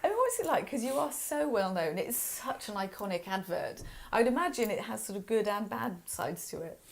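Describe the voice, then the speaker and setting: Female TV co-host, brisk and bantering, mid pitch. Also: big pitch swings, gravelly. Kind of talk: TV chat show presenting.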